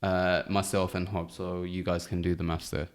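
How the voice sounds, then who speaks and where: A man's voice: low voice, little pitch movement, moderate pace. A man, co-hosting a podcast in a jokey, teasing chat. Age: 30s. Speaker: podcast co-host. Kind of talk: casual chat.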